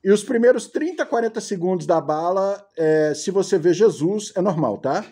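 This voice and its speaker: Male challenge host, casual, raspy-edged and high, animated delivery, talking from behind the camera. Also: moderate pace. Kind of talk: casual vlog presenting. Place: outdoors at a house patio.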